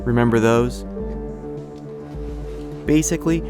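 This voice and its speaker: With music behind him, a video creator in his forties speaks slowly in a medium-pitched voice. He's casual with his viewers and reflective as he shares personal thoughts.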